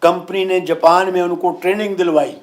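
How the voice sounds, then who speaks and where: A man with a fairly high voice speaks a little fast with fairly even intonation. Interviewed as a guru and astrologer, he delivers an emphatic, didactic spiritual discourse full of anecdotes, explanations, repetition and rhetorical questions.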